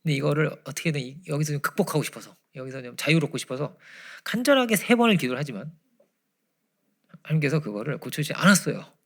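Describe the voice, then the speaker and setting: A man preaching a Friday prayer-meeting sermon, swinging from loud emphasis to hushed near-whispers. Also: fairly high pitch, animated, fast talker, vocal fry. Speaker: pastor. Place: church.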